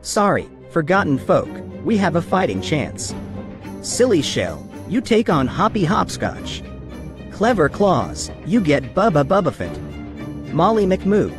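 A man voicing the scheming, commanding leader of rejected toy critters in a cartoon, with theatrical delivery. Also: a little high. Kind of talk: dramatic cartoon villain acting.

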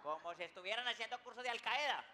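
A man who hosts a comedy show and delivers a playful, slang-heavy stand-up monologue. His voice sits very high for a man, and steady noise runs under the recording. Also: fast. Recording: noisy recording.

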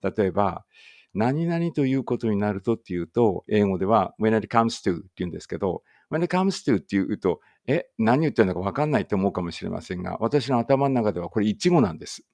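Low gravelly man leading phrase drills. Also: no echo, studio quality. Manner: reads each Japanese phrase, then its English version, slowly and deliberately; explains in a relaxed conversational tone. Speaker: English teacher. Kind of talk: read-aloud language drill with commentary.

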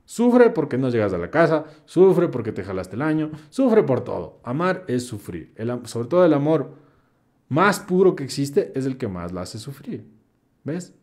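A man's voice: mid-range voice, big pitch swings, moderate pace, a little mellow. A young man hosts a live stream. He reads viewers' questions aloud and answers them in a blunt, preachy, slangy way. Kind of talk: live Q&A, reading chat comments aloud.

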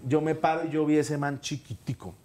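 A man in his thirties with a Colombian accent, a guest telling a personal story on a comedy talk show, animated and earnest, acting out the dialogue he quotes. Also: a little high, fairly quick, a crowd in the background. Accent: Colombian Spanish.

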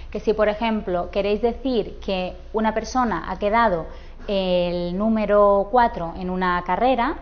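A woman with a Spain Spanish accent teaches at a whiteboard, her voice at a medium pitch. She explains clearly and patiently and speaks straight to her students. The recording sounds a little dull and lo-fi. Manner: clear, patient, addresses viewers directly.

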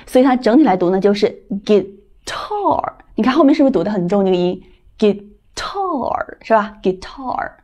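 A young woman teaching an online English pronunciation lesson, coaxing her students and drawing out each model word slowly. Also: mid-range voice. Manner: lively, coaxing, drawn-out model words.

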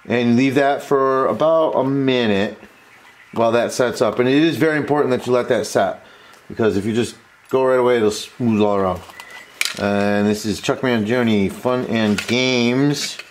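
A man with a mid-range voice walks through a casual hands-on repair tutorial at a moderate pace from his indoor workbench. He tends to ramble and interrupt himself, and a steady background noise is noticeable in the recording.

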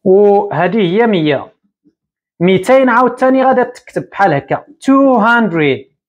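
A man in his thirties with a Moroccan Arabic accent, teaching English at a whiteboard and repeating each word slowly. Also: high voice, expressive, muffled recording. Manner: explains slowly, repeating words and drawing them out. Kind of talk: whiteboard lesson. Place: small room indoors at a whiteboard.

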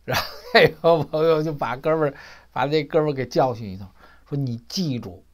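A man's voice: a little high, brisk. A man hosting casual political commentary. He tells stories, acts out the dialogue with rising emphasis, and often repeats and restarts his words. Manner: storytelling, acting out quoted dialogue with rising emphasis; frequent repetitions and restarts.

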